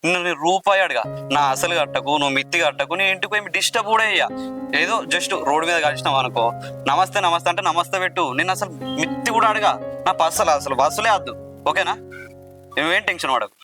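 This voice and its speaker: An actor with a Telangana Telugu accent playing a smug village moneylender who waves objections away. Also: male voice, fairly high pitch, fast talker, music in the background, natural voice. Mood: coaxing. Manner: offhand, brushing off objections. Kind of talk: village drama acting.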